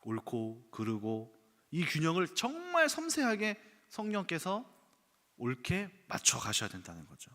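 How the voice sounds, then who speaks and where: A man, a pastor, preaching a sermon with animated storytelling and acted-out quotes. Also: fairly high pitch, unhurried. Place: church sanctuary. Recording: long church hall reverb.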